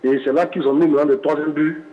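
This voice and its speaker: A man's voice: a little high, steady tone, quick pace, phone-quality sound. A man phoning in to a sports show and giving his football opinion emphatically, with rhetorical questions. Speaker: caller.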